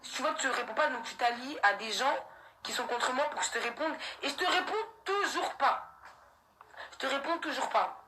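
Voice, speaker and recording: A woman's voice: high voice, fairly quick, pushed and bright, slight background noise, poor audio. A young woman, speaking on a live stream in a defiant, slangy rant that keeps circling back on itself, laughs breaking in. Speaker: livestreamer addressing her followers.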